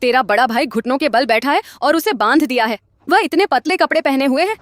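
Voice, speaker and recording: A woman's voice: high voice, lively intonation, brisk, no room sound. A woman voicing a doting middle-aged mother who scolds her younger son in a dubbed drama. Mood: scolding. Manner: scolding, indignant. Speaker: dubbing actor.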